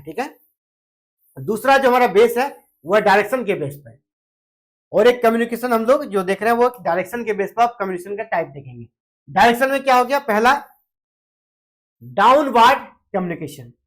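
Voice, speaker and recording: Woman teaching an exam class. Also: mid-range voice. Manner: explains with repeated fillers and acted-out example phrases. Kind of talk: exam coaching lecture.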